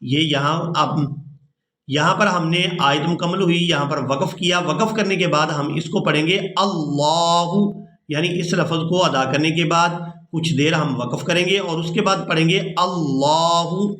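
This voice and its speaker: Slow, bright-voiced male recitation teacher. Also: a little high. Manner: patient, explains rules repeatedly. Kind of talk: step-by-step recitation lesson. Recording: roomy echo.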